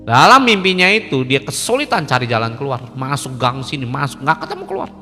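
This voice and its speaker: A man preaching a loose, conversational sermon, joking and acting out little dialogues as he goes. His voice is bright and sharp. It rings with a long hall reverb over faint music behind him. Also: medium pitch, wildly swooping pitch, fairly quick. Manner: colloquial, joking, acts out dialogues. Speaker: pastor. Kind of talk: informal sermon.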